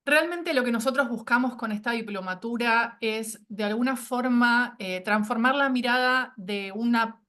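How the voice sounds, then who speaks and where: A fairly high-voiced woman presents a course while a bit sick with a cold. She speaks with hesitant fillers and often checks in with her listeners through little tag questions. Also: moderate pace, few pauses, pushed and bright. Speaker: course instructor. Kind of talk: online presentation.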